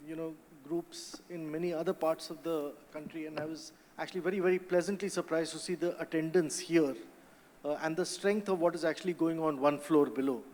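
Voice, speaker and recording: A man on a conference panel answering a question in a measured, reflective way, with many fillers. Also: on the high side, steady tone, a little mellow. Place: conference hall. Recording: long reverb of a hall.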